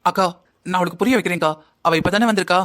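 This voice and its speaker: A woman voicing a young husband who tries to calm his wife and his older sister in a cartoon family story. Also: fairly low pitch, rapid-fire, natural voice. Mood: pleading, placating. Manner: soothing, pleading. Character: young husband, placating brother caught between women.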